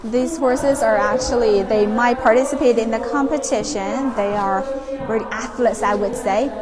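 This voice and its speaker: A woman hosting a casual live stream from a horse stable, chatting excitedly and cooing at the horses. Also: fairly high pitch, normal speed. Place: horse stable with animals nearby. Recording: loud background noise from the stable.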